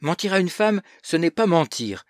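A man reading aloud as a cocky schoolboy who brags and sneers at his younger cousin, sounding smug and superior in a storybook reading. The voice is a little husky, recorded dry and close. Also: mid-range voice, lively intonation, measured pace, dry recording. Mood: boastful. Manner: boastful, scornful laughter. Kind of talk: audiobook reading of a novel.

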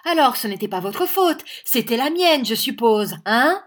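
A woman's voice: medium pitch, measured pace. Woman playing a sneering cruel schoolmaster. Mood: mocking, menacing. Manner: mocking, menacing, loud. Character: cruel sneering male schoolmaster, middle-aged.

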